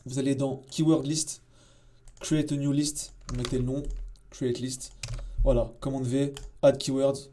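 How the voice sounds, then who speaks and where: Man tutorial host, mellow dark tone, relaxed slangy delivery at a desk mic. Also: mid-range voice, measured pace, slight background noise. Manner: casual, chatty, slangy, with many fillers and asides. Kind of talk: casual screen-share tutorial.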